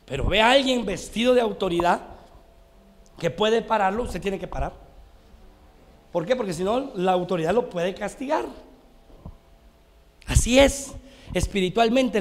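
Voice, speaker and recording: A man's voice: high voice, slight background noise. A man preaching a televised sermon, telling anecdotes and calling his listeners brothers. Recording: long hall reverb.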